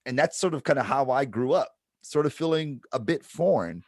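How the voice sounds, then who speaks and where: Middle-aged man, panel speaker, reflective, medium pitch, dry recording. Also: animated, moderate pace, no echo. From Detroit, Michigan. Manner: reflective, explains with repeated "right?". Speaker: panelist, advertiser. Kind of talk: panel discussion.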